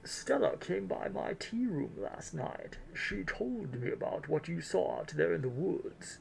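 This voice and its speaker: A streamer voicing a gracious, knowing elderly tea house owner in a put-on grandma voice, speaking slowly and deliberately. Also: mid-range voice, big pitch swings, gravelly, voice pushed up, heavily acted, poor audio. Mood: knowing, grave. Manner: slow, drawn-out, deliberate.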